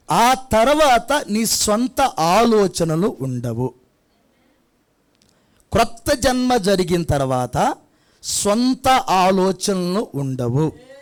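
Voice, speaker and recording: A man preaching a sermon, asking rhetorical questions and acting out little scenes. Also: high-pitched. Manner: conversational preaching, rhetorical questions, acts out child and grandfather. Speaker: pastor. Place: church prayer hall.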